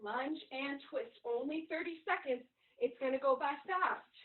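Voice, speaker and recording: A woman's voice: high voice, unhurried. A woman fitness instructor leading an online workout class like a halftime pep speech, urging people on in short, encouraging commands. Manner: urgent, encouraging cheerleading with short commands and whoops. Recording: echoey room, far from mic, thin phone-like sound.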